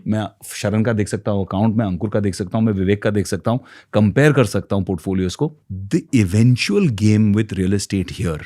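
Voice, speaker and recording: Indian guy on a podcast, kinda low voice, expressive, mixing hindi and english. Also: moderate pace, hardly any pauses. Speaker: guest. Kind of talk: podcast conversation.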